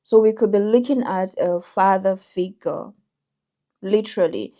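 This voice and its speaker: A woman doing a tarot reading for viewers, talking in a thoughtful, intuitive way with frequent pauses and restarts. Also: medium pitch, warm tone. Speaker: tarot reader.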